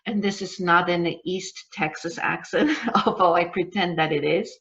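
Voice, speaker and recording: A woman's voice: fairly low pitch, fairly even intonation, normal speed, a bit bright. A middle-aged woman from Poland with a Polish accent, a business coach leading a live online masterclass, talking with many ums and uhs. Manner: hesitant, many fillers. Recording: dull lo-fi sound.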